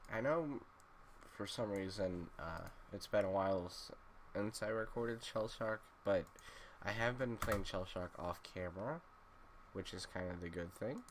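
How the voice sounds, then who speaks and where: Sleepy low-voiced man commenting on a game. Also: a little slow, a little hiss or hum. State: sleepy, just woke up. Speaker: gaming YouTuber. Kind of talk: casual gameplay commentary.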